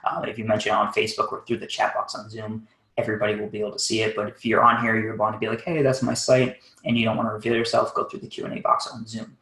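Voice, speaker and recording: A man with a low, fairly monotone voice walks through a website audit live on a video call. He talks quickly and casually, thinking aloud with frequent ums. The sound is roomy, with noticeable echo. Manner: fast, casual, thinking aloud with many fillers. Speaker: SEO consultant. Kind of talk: live webinar screen-share audit.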